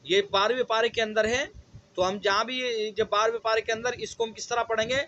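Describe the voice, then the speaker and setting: A man teaching Quran recitation in an online lesson, explaining step by step, saying example words slowly and often asking whether the point is clear. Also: sits high, steady tone, bright, forceful tone, lo-fi sound, a little hiss or hum. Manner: explains step by step, repeats words slowly, asks checking questions.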